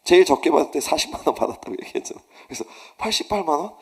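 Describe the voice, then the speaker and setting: A middle-aged male pastor giving a sermon, telling stories with animated delivery and acting out shouted quotes. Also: on the high side, rapid-fire, vocal fry, slightly rough.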